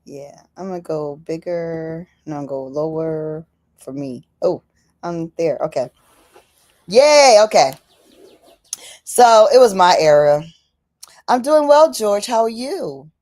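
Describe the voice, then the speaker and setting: A woman's voice: lowish voice, animated, slow, long pauses, a little mellow, no echo. A woman hosting a livestream, talking casually and fervently, repeating phrases for emphasis and calling out to "y'all". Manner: casual, many fillers, says "y'all". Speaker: livestream host. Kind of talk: impassioned livestream talk.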